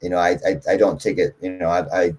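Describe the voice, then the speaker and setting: A man, a guest musician, answering interview questions casually and telling long, animated stories. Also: low-pitched, quick pace. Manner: rambling, animated storyteller.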